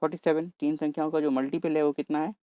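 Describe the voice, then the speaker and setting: A man teaching exam maths in a brisk, chatty way, talking fast on purpose and coaxing his viewers along. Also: a little high, flat delivery, mellow, clean tone, no room sound. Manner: brisk, talks fast on purpose to cover the paper. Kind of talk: solving exam paper on screen.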